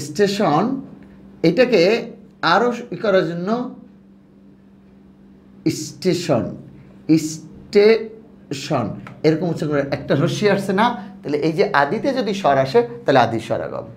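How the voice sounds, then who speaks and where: A man teaching an exam-prep lesson, speaking slowly and repeating words so his students can follow. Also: a little high, slight background noise.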